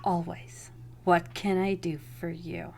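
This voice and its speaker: A woman voicing a shy, grateful young vampire woman from the sewers, who pleads eagerly in halting bursts. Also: fairly low pitch, steady tone, darkish tone, voice pushed down. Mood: insistent.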